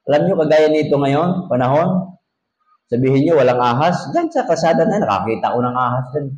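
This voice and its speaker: A man's voice: medium pitch, very animated, a little fast, a little mellow, echoey room, highs cut off. A man with a Filipino accent, a pastor preaching a sermon, telling jokey stories and reading scripture in English.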